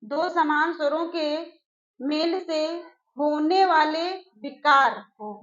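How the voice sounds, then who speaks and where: A woman teacher giving an exam-prep grammar lesson, slowly repeating key phrases and putting questions to her students. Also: high-pitched, a bit bright. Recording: echoey room, dull lo-fi sound.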